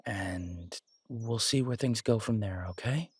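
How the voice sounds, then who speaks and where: Playing a confident, protective alpha werewolf boyfriend in an intimate roleplay audio drama, a man speaks in a husky, soothing voice, casually teasing and reassuring. His voice sits lowish and moves slowly, with no room sound.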